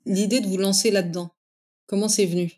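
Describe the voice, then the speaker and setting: A woman's voice: mid-range voice, fairly even intonation, fairly quick, a little mellow. A woman interviewer asking friendly, informal questions in a casual chat.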